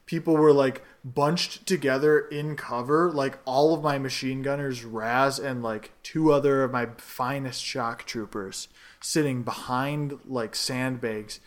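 A man's voice: mid-range voice, steady tone, a little slow, hardly any pauses. A man co-hosting a casual podcast from home, telling rambling, jokey stories about a game. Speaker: podcast co-host. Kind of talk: casual chat.

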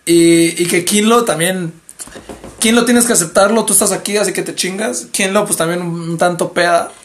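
Young man, Mexican Spanish accent, livestream host, casual gossip chat, high voice, animated. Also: normal speed. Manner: animated, acts out others in high mimicking voices.

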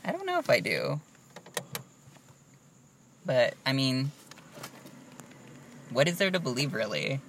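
A man's voice: medium pitch, wildly swooping pitch, slow pace, pauses often, a bit bright, distant mic, slight background noise. A young man in casual chat, rambling and saying "like" a lot. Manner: chatty, rambling, says "like" a lot.

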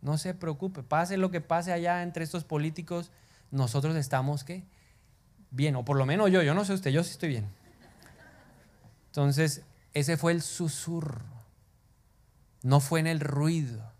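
A man preaching a sermon, animated, sometimes dropping to a whisper and putting questions to the congregation. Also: on the high side, measured pace, long pauses. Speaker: pastor.

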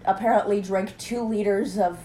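A woman's voice: medium pitch, steady tone, normal speed, dark tone, slight background noise. A young woman in casual chat, telling a sarcastic story and mimicking the people in it. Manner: storytelling, mimics others in quoted dialogue, sarcastic.

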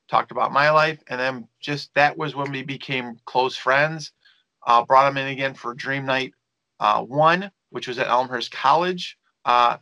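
A man's voice: medium pitch, sharp tone, dry recording, rough recording. A man who works as a wrestling promoter and manager, telling stories in a rambling interview with many fillers and restarts. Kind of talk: casual storytelling interview.

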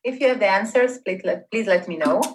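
A woman's voice: medium pitch, brisk, a little hiss or hum. Woman chatting with many fillers. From Israel. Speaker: guest, startup investment partnerships manager. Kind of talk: conversational interview.

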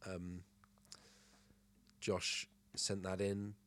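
A man co-hosting a casual podcast, talking in wry, measured asides. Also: deep voice, little pitch movement. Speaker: podcast co-host. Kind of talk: casual chat.

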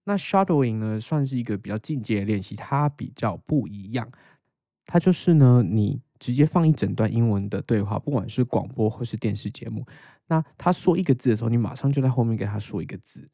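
A man's voice: medium pitch, lively intonation, fairly quick, gravelly, dark tone, no room sound. A young man with a Taiwanese Mandarin accent who hosts a podcast, casually and patiently explaining how he learns English. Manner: explains patiently, then reads English lines aloud as a shadowing drill. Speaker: podcast host.

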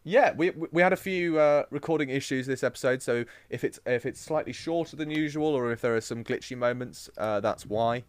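A man's voice: medium pitch, brisk, hardly any pauses, clear, resonant tone, dry recording. A man hosting a casual podcast, chatty and jokey, often laughing and restarting his sentences. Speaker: podcast host.

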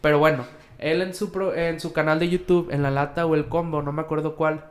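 A man with a Mexican Spanish accent talks in a loose, slangy podcast chat. His voice sits a touch higher than most men's, and he rambles through long stories full of restarts and street words. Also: little pitch movement, a little fast. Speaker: podcast co-host. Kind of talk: casual chat.

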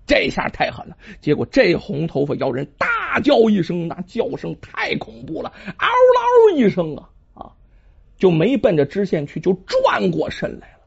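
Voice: medium pitch, wildly swooping pitch, moderate pace, creaky, husky. A storyteller telling a folk tale in a dramatic traditional style, exclaiming and drawing out sentence endings, on a dull lo-fi recording.

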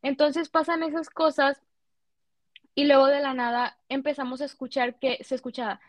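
A young woman speaks in a fairly high voice, telling a personal story with deep feeling. Her talk is loose and casual, packed with fillers. The recording is dry, with no room echo. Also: little pitch movement, moderate pace. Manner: emotional, heartfelt storytelling with many fillers. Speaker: guest sharing a testimony. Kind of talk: casual conversation.

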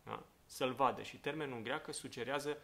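Reading scripture and explaining it in a thinking-aloud style, a pastor runs a Bible study full of fillers and "right?" check-ins. His mid-range male voice is gravelly, pushed, and bright.

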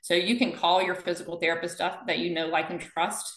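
A woman's voice: lowish voice, little pitch movement, a little fast, a bit bright. A woman physical therapist being interviewed, telling stories with energy and acting out the quoted dialogue. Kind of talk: conversational interview. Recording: echoey room.

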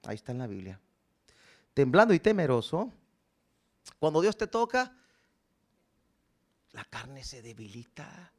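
A man's voice: mid-range voice, very animated, measured pace, pauses often. A man preaching a sermon, telling the story dramatically and asking the congregation questions. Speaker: pastor.

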